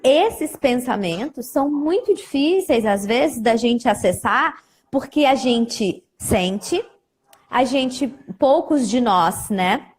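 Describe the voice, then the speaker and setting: A woman's voice: a little high, expressive, takes it slowly, slightly rough. A woman, a psychologist hosting a live stream, explaining ideas with acted examples of what clients say. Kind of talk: explanatory conversation.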